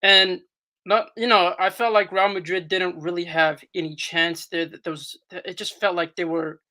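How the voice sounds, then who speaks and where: A man's voice: sits high, fairly even intonation, moderate pace, sharp tone. A man giving casual post-match football analysis as a pundit, slangy and repeating himself for emphasis.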